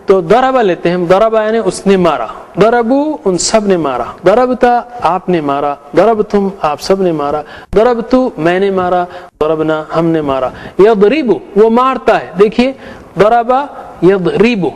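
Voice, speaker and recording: A man's voice: high-pitched, a little mellow. A middle-aged man teaching Arabic grammar, patiently reciting verb forms and explaining each one. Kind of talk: explanatory lecture.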